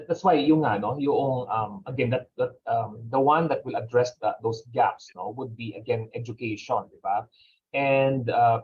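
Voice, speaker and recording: Filipino male interview guest, husky mid-range voice, emphatic conversational explainer, dull lo-fi sound. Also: mid-range voice, darkish tone. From Philippines. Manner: emphatic explainer, frequent rhetorical tags. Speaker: fintech executive guest. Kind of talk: conversational interview answers in Taglish.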